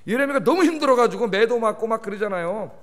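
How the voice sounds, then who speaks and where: A man preaching as a pastor at a midweek service, animated and often prompting the congregation for a response. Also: high-pitched, fast. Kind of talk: sermon. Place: large church sanctuary. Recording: long reverb of a large church hall.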